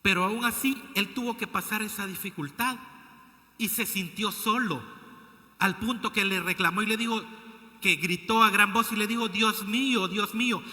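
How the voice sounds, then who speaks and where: A male pastor, preaching a sermon in a church that builds to loud exhortation. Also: sits high, normal speed. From El Salvador. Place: church sanctuary. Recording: long church reverb, music behind.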